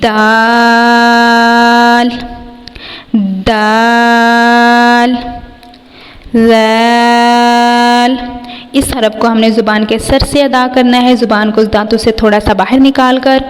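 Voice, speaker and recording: A woman with a Pakistani Urdu accent gives a patient tajweed lesson with a fairly high voice. She pronounces each letter slowly and at length, then explains it in an even, level tone. The voice carries a long reverb, as in a hall. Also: soft background music. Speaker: Quran reading teacher. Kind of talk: slow instructional tajweed lesson.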